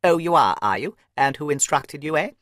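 A man voicing a miserly, irritable little old lord with a sharp, crackling voice and a blustering manner. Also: expressive, moderate pace, no echo, studio quality. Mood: suspicious. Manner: blustering, shrill when angry.

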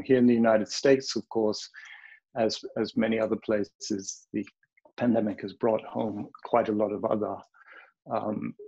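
A man giving a frank, opinionated conference talk over a video call, pausing often with ums. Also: lowish voice, creaky, a little mellow, breathy edge, lo-fi sound. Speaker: panel speaker, wildlife health director. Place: home or office in the Bronx.

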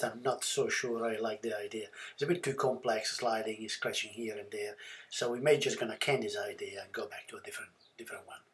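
Man narrating a boat refit, halting. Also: mid-range voice, a bit bright. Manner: halting, many fillers and restarts. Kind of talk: casual voice-over narration.

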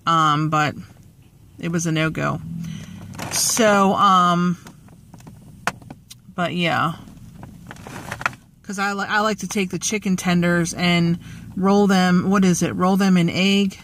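She talks slowly with long pauses, her voice on the low side, steady and a bit bright, with slight background noise. As a vlogger in a parked car, she holds her phone at arm's length and rambles, joking and using lots of fillers.

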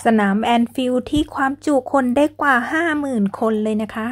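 Her voice sits high and moves at a moderate pace as this young woman guides a casual tour vlog through a football stadium museum indoors. She narrates politely and chattily, often ending sentences with soft particles, and switches into English with a Thai accent.

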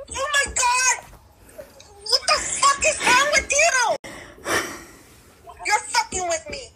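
A middle-aged woman heard through a phone on speakerphone, talking bluntly, exclaiming loudly and swearing freely. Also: very high voice, poor audio. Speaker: parent reacting on a phone call.

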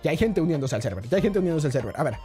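A woman, live-streaming a game, excitable and chatty, talking straight to her chat. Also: low voice, very fast, soft background music.

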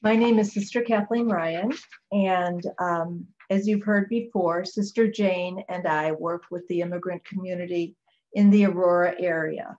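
Older nun reading her notes on a webcam, lowish voice, calm and steady. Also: measured pace, dull audio. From Chicago, Illinois. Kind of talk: reading prepared remarks on a video call. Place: small home office with bookshelves. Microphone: webcam on a video call.

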